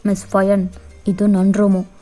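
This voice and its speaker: Woman doing a bored bossy young husband, brushes everyone off, mellow low-key voice over faint music, fanfic audio story. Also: completely flat delivery, measured pace, close to an everyday voice. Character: cold, dismissive young husband.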